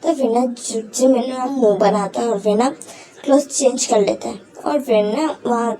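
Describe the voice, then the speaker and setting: A woman's voice: fairly high pitch, normal speed, crowd noise, low-quality recording. A woman casually retelling a story, filling her talk with fillers and briefly voicing each quoted line. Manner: frequent fillers, voices quoted lines briefly. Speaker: story narrator. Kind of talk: casual storytelling of fan fiction.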